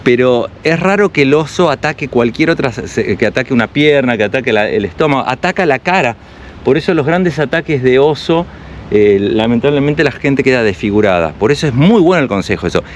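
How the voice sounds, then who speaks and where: Strolling outdoors in a mountain village, an Argentine man gives casual travel-vlog commentary, reading and explaining signs. He speaks a little fast in a mid-range voice with lively intonation, over slight hiss or hum.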